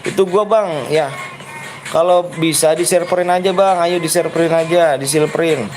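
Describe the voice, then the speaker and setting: Betawi-accented male streamer, slightly high voice, repeats himself, loud music underneath. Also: rough recording. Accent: Jakarta Betawi. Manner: quick, repetitive, coaxing other players. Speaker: streamer running a custom game room. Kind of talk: live game stream chat. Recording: music playing behind.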